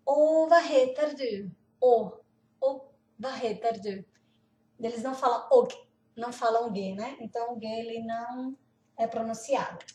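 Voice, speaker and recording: A woman teaching Norwegian pronunciation, slowly repeating words and laughing now and then. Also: fairly high pitch, steady tone, dark tone, distant mic. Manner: slow, repeats words carefully, laughs often. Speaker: language teacher. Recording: roomy echo, off-mic.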